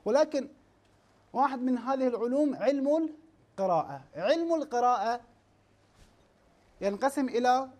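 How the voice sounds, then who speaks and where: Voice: high voice, expressive, a little mellow. A teacher giving a classroom lecture, often stopping to ask the class questions and restarting words as he or she lists terms. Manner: asks rhetorical questions and checks in with "ha?"; halting, restarts words, spells out lists slowly.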